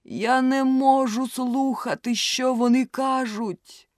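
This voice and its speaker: A woman's voice: sits high, fairly even intonation, slow, a little mellow, dry recording, clean studio sound, voice pushed up. A woman voicing a dying old emperor who pleads and cries out. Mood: desperate. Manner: pleading, crying out.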